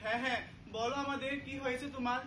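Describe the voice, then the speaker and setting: A man's voice: very high-pitched, level tone, fast talker, pushed and bright. Man playing an eager young villager. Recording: echoey hall from far off, background noise.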